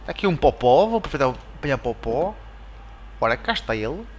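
A man with a European Portuguese accent giving excitable commentary while playing a game, yelping and shouting at scares. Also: medium pitch, quick pace, slight background noise. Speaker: let's play gamer. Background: game music.

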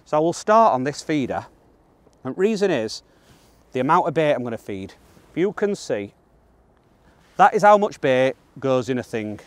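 This man's mid-range voice swings widely in pitch at a normal speed, broken by long pauses, with no room sound. He's a Northern English angler of around thirty presenting a fishing guide outdoors by a pond, offering casual, plain-spoken, colloquial and matter-of-fact tips while fishing.

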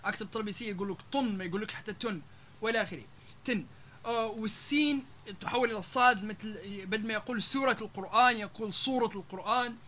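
With faint room noise around him, a man with a Libyan Arabic accent addresses a live audience quickly in a bright, high voice. He reels off example words one after another, pausing on stretched-out "aah" fillers.

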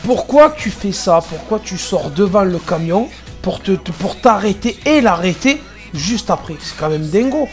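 A man's voice: high voice, lively intonation, normal speed, faint music behind. A man, a truck driver, commenting casually and sarcastically on dashcam clips, exasperated at other drivers.

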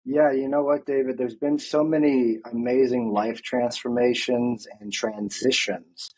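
Man, thirties, husky voice, earnest reflective storyteller, video call. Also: medium pitch, level tone, unhurried, a little mellow, low-quality recording. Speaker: guest, fitness coach. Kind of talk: casual interview. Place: home office, indoors. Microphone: headphones, video call.

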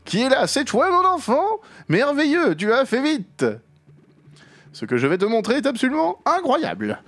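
Man doing a raised-pitch old grandpa inventor, excitable, grandiose, lively up-and-down delivery, game voice. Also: normal speed, dry recording, heavily acted. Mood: excited. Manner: theatrical, grandiose. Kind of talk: reading game dialogue aloud in a voice.

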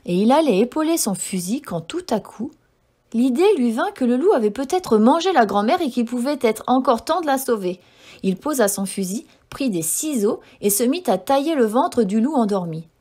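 Female storyteller, fairy-tale reading, clear and gentle, slightly high pitch. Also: big pitch swings, normal speed. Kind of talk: scripted fairy-tale narration.

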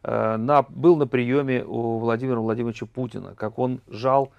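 A man offers panel commentary in a gravelly, creaky voice of middle pitch. The sound is close and dry, as in a small studio. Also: fairly even intonation, moderate pace, dry recording, muffled recording. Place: small room studio, indoors.

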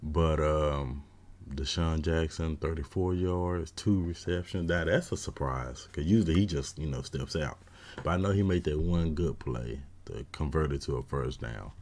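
A man in his thirties giving casual, opinionated postgame football commentary from a small room at home on a webcam, with lots of slang and fillers. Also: extremely low pitch. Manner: opinionated, gets loud and exasperated when ranting. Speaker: sports fan commentator.

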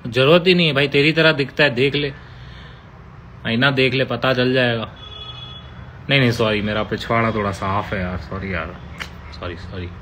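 A man chats on a live stream, answering viewers with playful, teasing banter. His voice sits at an everyday middle pitch. A faint hum of room noise sits under the talk. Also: moderate pace, long pauses, a bit bright. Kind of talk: casual live-stream chat.

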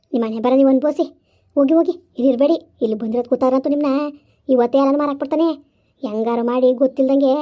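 A woman's voice: high-pitched, warm tone, voice pushed down, lightly acted. A woman voicing a grim female ghost trapped in a bungalow who gives blunt, urgent warnings. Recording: dull lo-fi recording.

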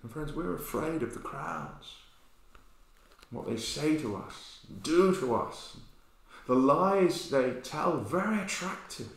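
A middle-aged man preaches in an unhurried, slightly high voice, telling his story with lively swings from loud to hushed. The bare room around him rings with heavy echo, and the camera sits some distance away. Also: slight background noise. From England. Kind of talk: sermon. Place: bare-walled room indoors, with a sign language interpreter beside him. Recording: very echoey room.

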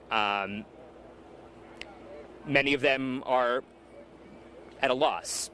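Male field reporter, thirties, mid-range voice, unscripted eyewitness account from an outdoor scene, halting phrasing. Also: mid-range voice, sharp tone, slight background noise. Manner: halting, improvised delivery. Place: outdoors on a street. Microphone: handheld reporter microphone.

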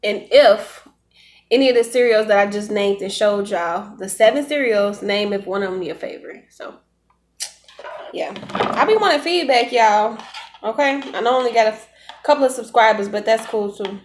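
A woman's voice: medium pitch, normal speed, slight background noise. A young American woman chatting casually and familiarly to viewers while eating cereal in her kitchen, recorded on a phone. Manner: folksy, addressing viewers familiarly. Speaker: vlogger. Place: home kitchen. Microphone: phone propped at arm's length.

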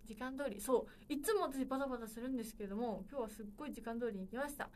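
A woman in her twenties with a fairly high voice hosts a solo livestream. She chats playfully and casually, talking straight to her viewers. A faint noise sits under her voice. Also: quick pace, darkish tone. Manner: playful and chatty, addressing viewers directly. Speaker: livestream host.

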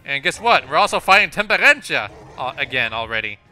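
A man's voice: on the high side, big pitch swings, a little fast, pushed and bright. A young man giving casual, rambling gameplay commentary, often restarting his sentences and filling gaps with "uh" and "like". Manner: rambling, self-correcting, frequent fillers and restarts. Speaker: let's play commentator. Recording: game music playing behind.

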